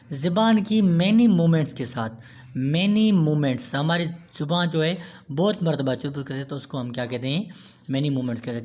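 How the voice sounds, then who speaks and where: Man teaching grammar, asking and answering himself. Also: a little high. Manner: slow, repetitive, asks and answers his own questions. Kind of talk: grammar lecture.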